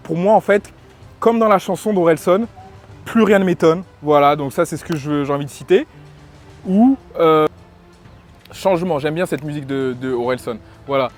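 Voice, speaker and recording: A man from France, a lifestyle and dating coach, giving casual opinions in a vlog, halting, with lots of fillers and restarts. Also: fairly high pitch, faint music behind.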